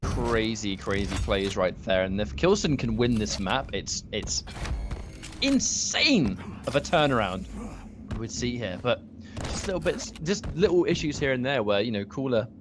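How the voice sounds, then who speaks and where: A man's voice: medium pitch, very animated, moderate pace, noisy background. A man giving live esports commentary as a caster, explaining the play in an analytical way.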